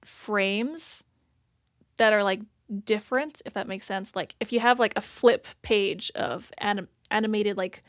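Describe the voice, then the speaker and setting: A woman's voice: mid-range voice, a little slow, no room sound, clean studio sound. Rambling woman thinking aloud. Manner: rambling, full of "like" and "if that makes sense"; thinks aloud, searching for words. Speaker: reaction video host. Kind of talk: casual reaction commentary.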